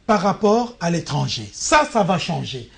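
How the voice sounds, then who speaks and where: A man, giving deliberate, formal political commentary as a journalist on a panel, with small stammers. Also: high-pitched, big pitch swings, creaky.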